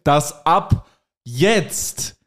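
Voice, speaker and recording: A rude, gruff father who brushes off his child with insults, as a man puts him on. He talks in a low, dismissive voice in a comedy sketch. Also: expressive, very slow, a bit bright, exaggerated voice. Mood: condescending. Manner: curt, insulting.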